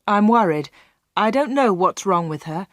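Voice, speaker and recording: A worried village doctor, as a woman reader puts him on, calm and concerned. Her delivery stays near her own everyday voice in a dry, close recording. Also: medium pitch, moderate pace, dry recording, lightly acted.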